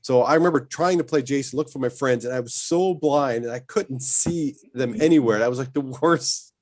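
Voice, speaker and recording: A man telling lively stories as a guest in a casual chat, often laughing as he talks. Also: medium pitch, moderate pace, dry recording. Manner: animated storyteller, laughs while telling stories.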